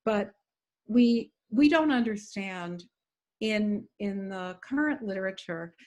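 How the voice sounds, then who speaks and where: An older woman lecturer fields audience questions over a video call in a conversational academic Q&A, thoughtful and full of hedges, correcting herself with dry humor. Her mid-range voice has a darkish tone and lively intonation, and she takes her time.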